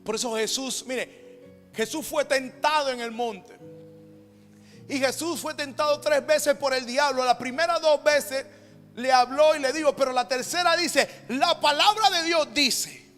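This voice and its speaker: A man with a Panamanian Spanish accent preaching a sermon as pastor, swinging from loud, emphatic declarations down to hushed near-whispers. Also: extremely high pitch. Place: church sanctuary. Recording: reverberant church hall with background music.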